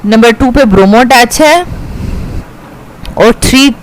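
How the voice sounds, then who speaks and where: A woman's voice: a little high, slow pace, a little hiss or hum, rough recording. A woman chemistry teacher with a Pakistani accent, patiently explaining a reaction step by step and often checking in with her students. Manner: patient, repeats "ठीक है" to check understanding, mixes in English.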